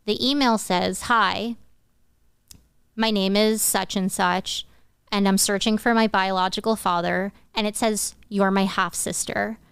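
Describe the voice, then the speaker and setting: A woman in her thirties, a podcast guest, telling a personal story in a lively, quick way. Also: medium pitch, gravelly, smooth, no room sound, clean studio sound. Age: 30s. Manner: animated, quick-talking, breaks into laughs. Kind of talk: casual storytelling.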